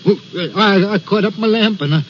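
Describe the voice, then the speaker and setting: Old radio drama: a haunted signalman, high-voiced and halting, dull old recording. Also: fairly bright tone, a little hiss or hum. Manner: halting, stammering storyteller. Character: haunted, nervous railway signalman. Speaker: railway signalman. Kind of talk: 1940s radio acting.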